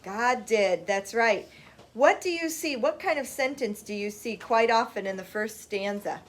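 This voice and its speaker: A woman teaching a classroom phonics lesson, brisk with the children and slow and lilting when reading poetry aloud. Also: a little high, lively intonation. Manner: brisk, reads poetry slowly with a lilt.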